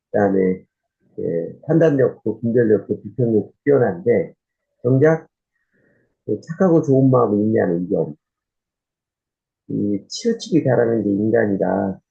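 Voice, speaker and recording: A man with a gravelly, mellow voice teaches a church class in a loose, conversational way. He pauses on fillers and restarts sentences as he goes. The recording is a bit dull and muffled. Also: mid-range voice. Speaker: pastor.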